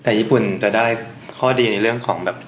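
Fast-talking man chatting about food. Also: fairly low pitch, fairly even intonation, slight background noise. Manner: quick, chatty storytelling. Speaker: podcast co-host. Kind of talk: casual food podcast chat.

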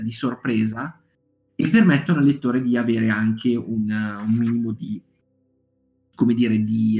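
A man's voice: mid-range voice, creaky, darkish tone. Man, live-stream host, casual chat, hesitant fillers, faint background music. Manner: chatty, hesitant with many fillers and restarts. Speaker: streamer leading a writing group.

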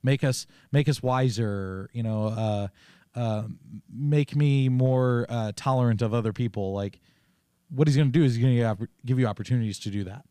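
A man co-hosting a laid-back faith talk show, wandering through stories with restarts and asides. His voice sits at an ordinary pitch. The sound is dry and close, with no room around it. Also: moderate pace, dark tone, smooth, no echo. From Oregon, United States. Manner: rambling, storytelling with many restarts. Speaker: podcast co-host. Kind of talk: casual faith chat.

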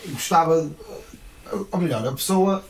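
A man's voice: fairly high pitch, expressive, measured pace, background noise. A man with a Portuguese accent talking casually in a group discussion, often checking that he is understood with short tag questions. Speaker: salesman.

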